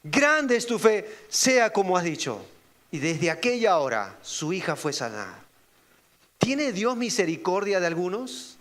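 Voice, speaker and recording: A man preaches as pastor at a measured pace, very animated throughout. He asks the congregation rhetorical questions and acts out the voices he quotes, jumping sharply in pitch.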